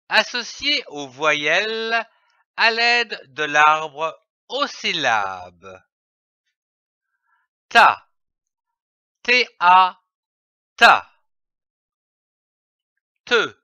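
Man spelling syllables very slowly. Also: sits high, sharp tone, smooth, no echo, dull audio. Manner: spells out letters and syllables slowly, stressing each sound. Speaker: reading teacher. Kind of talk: slow, carefully enunciated reading lesson.

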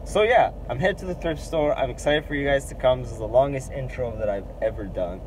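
A young adult male vlogger talks casually to a camera or phone held at arm's length, first in a parked car and later in a small store's fitting room. His mid-range voice is brisk over background noise, and his rambling, slangy talk leans heavily on "like."

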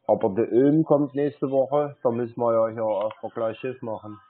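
A native German-speaking man who scambaits takes a call, chatting casually with playful, feigned naivety. His voice is medium-pitched and steady at a moderate pace, heard through muffled, narrow phone-like sound.

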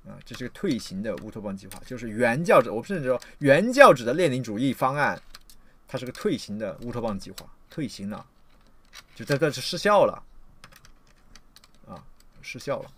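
A man giving a ranting livestream lecture, scolding his audience and swearing often, jumping between loud outbursts and low muttering. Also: big pitch swings, moderate pace, long pauses, slightly rough. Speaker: livestream lecturer on political theory.

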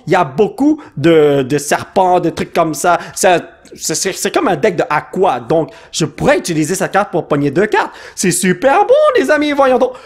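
A man, giving excitable, casual commentary while opening trading cards, reading out card names and dropping English exclamations. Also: high voice.

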